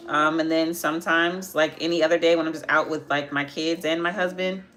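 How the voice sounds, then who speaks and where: A woman in her twenties hosts a makeup livestream, her deep, fairly bright voice brisk and showing little pitch movement. She's chatty, responding to viewer comments while she works and repeating phrases.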